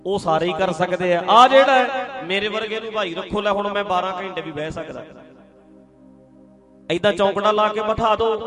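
A man from Punjab in India preaching a Sikh sermon to a congregation, lively and teasing, throwing rhetorical questions at his listeners. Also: high voice.

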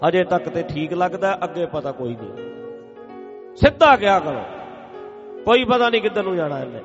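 A man's voice: high voice, animated, moderate pace, fairly bright tone, in a large hall, muffled recording, soft background music. A man preaching a sermon, driving points home by repeating them and breaking into chanted scripture verses. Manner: emphatic, repetitive, breaks into chant. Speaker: Sikh preacher. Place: gurdwara stage in a hall.

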